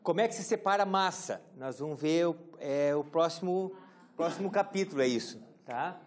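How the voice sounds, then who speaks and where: Guy teaching a class, jokey, keeps asking the room questions, kinda high voice. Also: normal speed. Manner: casual, joking, asks the class questions. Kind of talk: classroom lecture.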